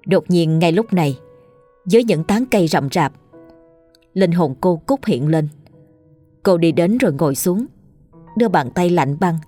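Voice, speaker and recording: A woman's voice: on the low side, warm tone. Woman narrating a ghost story over music.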